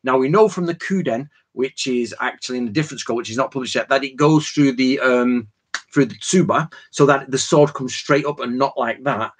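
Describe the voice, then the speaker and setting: A man's voice: medium pitch, brisk. A man, hosting a casual live Q&A and rambling chattily from one tangent to the next. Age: 40s. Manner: informal slang and frequent fillers. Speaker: host of a live Q&A stream. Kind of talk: casual live-stream Q&A lecture.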